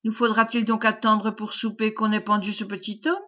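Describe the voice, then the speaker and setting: A woman's voice: mid-range voice, little pitch movement, brisk, bright, forceful tone, natural voice. A woman reading the lines of mocking, impatient soldiers, on a dull lo-fi recording. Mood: jeering. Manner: jeering.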